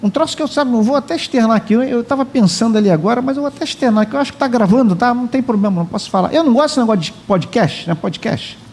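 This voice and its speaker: Brief: man, pastor, high and animated sermon voice, chatty and joking, faint church room noise. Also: racing, hardly any pauses. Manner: lively, joking and chatty with the congregation. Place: church hall.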